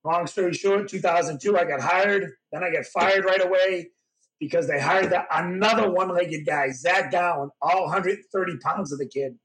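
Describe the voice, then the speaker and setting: A man's voice: sits high, normal speed, poor audio. A man, a podcast guest, telling stories in a casual interview and acting out the dialogue. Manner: animated storyteller who acts out dialogue. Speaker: podcast guest, former pro wrestler. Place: podcast studio.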